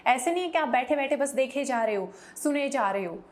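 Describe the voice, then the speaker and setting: High-voiced woman teaching English vocabulary. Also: animated. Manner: explains in Hindi, reads English examples slowly and clearly; urges viewers to repeat pronunciations aloud. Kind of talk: vocabulary lesson.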